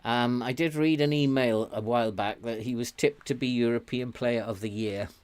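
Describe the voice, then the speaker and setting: A man in his sixties hosts a let's play, chatting slowly and chuckling at himself as he comments on the game he's playing. His mid-range voice is smooth and a little mellow, with fairly even intonation and a self-mocking manner.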